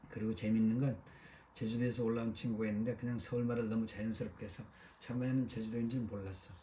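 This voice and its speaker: A man's voice: fairly low pitch, flat delivery, fast talker, warm tone, a little hiss or hum, close to an everyday voice. A man reading an offhand young student.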